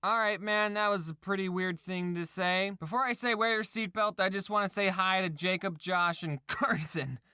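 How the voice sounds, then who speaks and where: A young woman telling a scripted, comedic story with dry, deadpan jokes and sudden mock-dramatic drops. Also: medium pitch, normal speed, hardly any pauses, clear, resonant tone, dry recording. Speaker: storytime creator.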